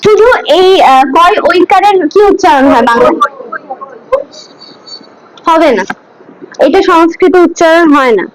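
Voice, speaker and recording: A woman with a very high voice leads a class through scripture pronunciation. She speaks slowly, drilling each syllable patiently and having students repeat after her. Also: expressive, noisy background. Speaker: Gita teacher. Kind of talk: slow pronunciation lesson.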